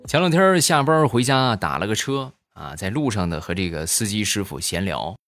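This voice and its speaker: A man telling comic stories in an animated, chatty way. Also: fairly low pitch, normal speed, soft background music. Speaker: comedian telling jokes. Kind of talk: comic storytelling.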